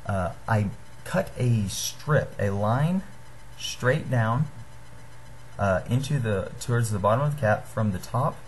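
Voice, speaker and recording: A young adult man with a darkish tone gives a casual, unscripted how-to tutorial in a small room, sounding hesitant, apologetic and self-deprecating. He's recorded at desk distance on a built-in webcam, whose low-grade microphone is noisy.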